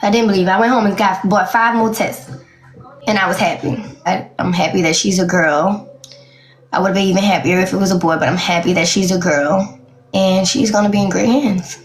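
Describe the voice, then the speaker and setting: A woman's voice: medium pitch, steady tone, brisk, slight background noise. A woman in her late twenties speaking bluntly and candidly in a casual interview, laughing often. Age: 20s. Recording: roomy echo.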